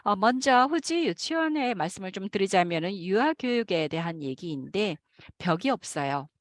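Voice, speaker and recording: A woman giving a live interpretation of a lecture, with an animated delivery and frequent hesitant fillers. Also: medium pitch, dry recording, clean studio sound.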